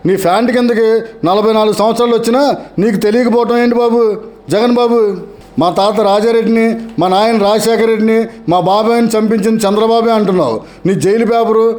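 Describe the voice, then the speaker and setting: A man's voice: sits high, a little mellow. A man narrating scripted political commentary in a sarcastic, mocking tone, repeating taunts.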